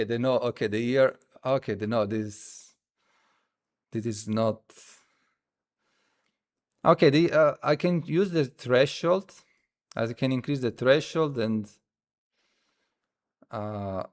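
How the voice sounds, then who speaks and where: With a medium-pitched voice, this livestream host runs a casual coding session, demonstrating as he thinks out loud in a halting way and repeats phrases.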